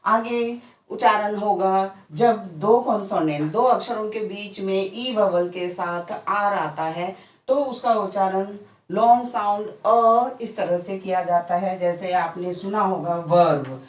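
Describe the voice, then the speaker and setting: A woman's voice: medium pitch, takes it slowly, distant mic. A woman teaching a patient spoken lesson, drawing out each example word one by one. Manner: stretches out example words one by one. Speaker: English teacher. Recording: echoey room, voice a bit off-mic.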